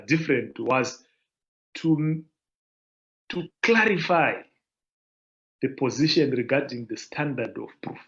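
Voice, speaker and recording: A man presenting as a law panelist in an online panel, explaining points in a measured, lecturing way over a video call. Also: mid-range voice, vocal fry, lo-fi sound.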